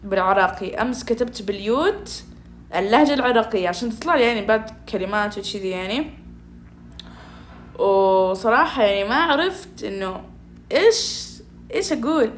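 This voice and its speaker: A woman's voice: fairly high pitch, lively intonation, a little fast, pauses often, a little hiss or hum. Playful woman gaming at home. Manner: playful and teasing, chatty with viewers. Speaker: gaming streamer. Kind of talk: casual gaming commentary.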